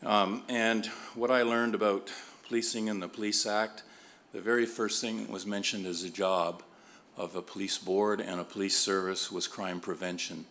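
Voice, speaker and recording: A man on a police board giving a measured tribute speech at a meeting, pausing often with fillers. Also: lowish voice, fairly even intonation, fairly bright tone, slight background noise.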